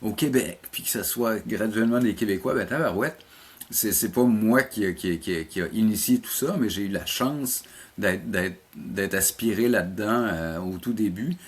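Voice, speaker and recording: A middle-aged man with a Quebec French accent chats casually as an interview guest, often repeating words while he searches for the right phrasing. He teaches animation and coordinates a programme, and his voice is on the low side, husky, at a moderate pace.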